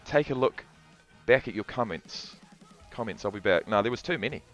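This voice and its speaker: A man's voice: lowish voice, expressive, moderate pace, soft background music. A man with a New Zealand accent casually commentating a football livestream and reading out chat, rambling and restarting often.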